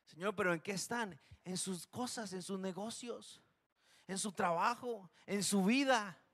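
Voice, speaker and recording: A man from Costa Rica preaching a sermon in a church, swinging between loud urgent declarations and hushed, low warnings. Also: unhurried. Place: church sanctuary.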